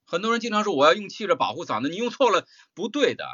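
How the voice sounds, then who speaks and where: Male voice-acting teacher lecturing a workshop: blunt, emphatic, rhetorical, swinging pitch, dry dull lo-fi sound. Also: very animated, racing, pushed and bright, slightly rough, no echo.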